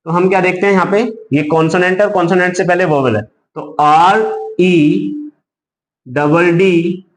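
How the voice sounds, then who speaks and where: Male grammar teacher, spells words letter by letter, echoey room with faint hiss. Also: on the high side. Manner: spells words out letter by letter, asks and answers own questions. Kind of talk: grammar lesson.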